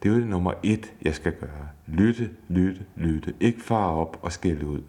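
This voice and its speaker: A man voicing a husband who stays calm and patient while his wife scolds, read aloud from a book. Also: low voice, lightly acted. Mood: self-calming. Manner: calm, soothing, deliberate. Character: patient husband calmly trying to listen.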